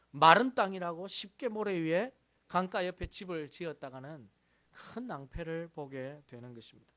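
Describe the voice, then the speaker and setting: Male pastor giving a sermon, slightly high voice, steady and explaining things. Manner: measured, explanatory preaching.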